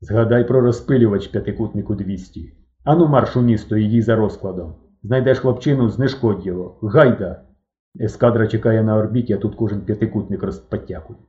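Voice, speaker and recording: A man's voice: lowish voice, a little fast, warm tone, close to an everyday voice. A man voicing a harsh alien leader who barks orders at his troops. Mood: commanding. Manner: barking orders, gruff. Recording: dull, roomy recording.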